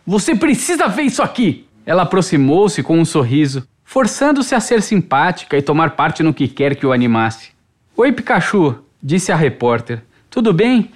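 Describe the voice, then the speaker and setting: An audiobook narrator reading a literary novel in a measured, expressive way. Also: mid-range voice.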